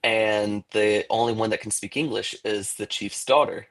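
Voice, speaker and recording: Gravelly low-voiced man with lots of ums. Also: steady tone, normal speed, a bit bright. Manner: rambling, many ums and fillers. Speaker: author. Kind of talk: casual interview talk.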